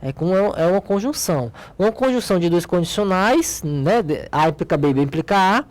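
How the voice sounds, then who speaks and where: A woman's voice: on the low side, animated, fairly quick, darkish tone. A Brazilian woman teaching logic, who works through the exercises step by step, pointing things out and asking her own questions before answering them. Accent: Brazilian Portuguese. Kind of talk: recorded logic lesson.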